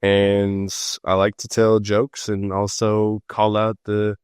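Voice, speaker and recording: Taking his time, a man from Los Angeles, United States, who works as a psychic and mentor, jokes around in relaxed, loose conversation as a casual podcast guest. His voice sits on the low side, clear and resonant. The sound is clean studio audio with no echo.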